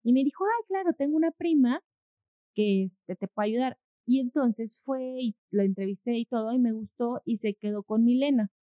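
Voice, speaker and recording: In a dry, phone-like recording, a co-host who is a mother recounts a story casually at a moderate pace. Her voice is a little high, and she brings the tale to life by acting out people's lines.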